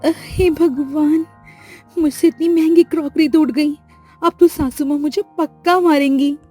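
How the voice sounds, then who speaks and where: Woman doing a terrified young bride, high and pleading. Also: animated, normal speed, dark tone, soft background music. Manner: trembling, pleading, high-strung. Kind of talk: storybook voice acting.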